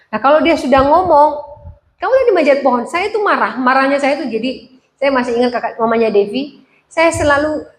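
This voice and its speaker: High-voiced woman pastor preaching conversationally. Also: a little fast, a little hiss or hum. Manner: conversational, asks the congregation questions, laughs at her own jokes. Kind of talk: sermon.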